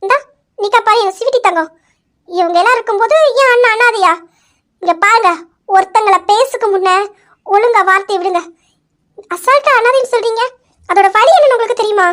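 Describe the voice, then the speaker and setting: Woman voicing a young heroine, fiery, indignant, very high voice, amateur audio drama. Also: fairly quick, long pauses, fairly bright tone. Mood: angry. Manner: indignant, demanding, repeats questions. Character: fiery young woman defending her brother.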